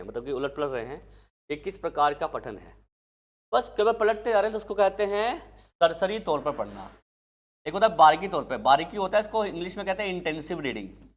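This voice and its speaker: Male teacher, fairly high voice, drilling exam answers in a question-and-answer lecture style. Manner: asks questions and answers them himself, addresses students as kids.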